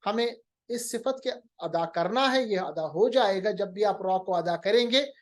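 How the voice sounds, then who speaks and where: High-voiced man teaching recitation. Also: unhurried. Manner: patient explanation, mixing in English terms; demonstrates sounds by drawing them out. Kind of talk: recorded lecture.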